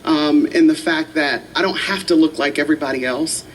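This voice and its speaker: A woman from Michigan, a pastor, telling her story on a panel in a university chapel in a slow, joking manner. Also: low-pitched, far from the mic, slight background noise, poor audio. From Michigan, USA.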